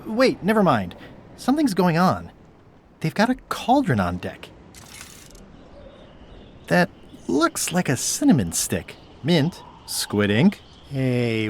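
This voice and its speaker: A man's voice: fairly high pitch, a little hiss or hum, heavily acted. A man voicing an eager, wry, good-natured pirate adventurer in a video game. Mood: excited, indignant. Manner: animated, wry.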